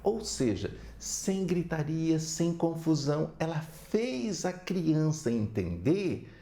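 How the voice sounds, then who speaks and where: Lively, gravelly man. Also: a little high, takes it slowly. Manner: animated, often tags lines with "né?". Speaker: counselor giving a motivational talk. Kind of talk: storytelling talk with religious examples. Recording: roomy echo.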